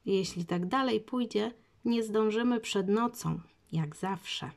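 A woman reads an eager young boy from a storybook, lifting her voice well above her own. He chatters with excitement, and a gravelly grain stays in the tone. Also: medium pitch, slow pace, voice pushed up. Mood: told-you-so.

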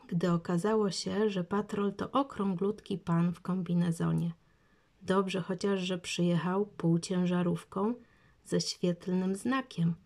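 A woman narrates a children's storybook at a very slow, measured pace. Her voice sits low, with a gravelly fry running through it. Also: a little mellow.

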